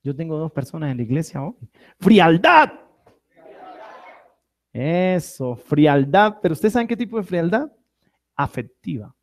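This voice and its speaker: A high-voiced man preaches a sermon in a church, calling on the congregation and pulling answers from them. He moves from loud, stressed words to quiet, slow phrases. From Colombia. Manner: preaching with call-and-response to the congregation; animated, swinging between loud and soft. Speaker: pastor.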